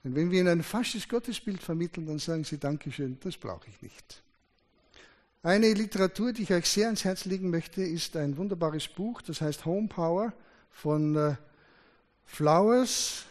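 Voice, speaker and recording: A man's voice: high voice, moderate pace, darkish tone. A man preaching a sermon, emphatic, his voice rising and dropping sharply to stress his points. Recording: long hall reverb.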